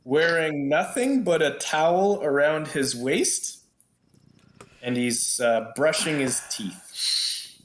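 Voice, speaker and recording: A man narrating as game master, telling the scene slowly and voicing the townsfolk. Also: fairly high pitch, fairly bright tone, roomy sound, slight background noise. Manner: slow, storytelling narration with voiced townsfolk.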